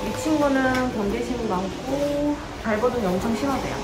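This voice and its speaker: Chatty woman groomer, muffled by a face mask, fairly high voice, loud music behind. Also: normal speed, reverberant. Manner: chatty, upbeat, talks to viewers. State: speaking through a face mask. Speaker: vlogger, pet groomer. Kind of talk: casual vlog chat.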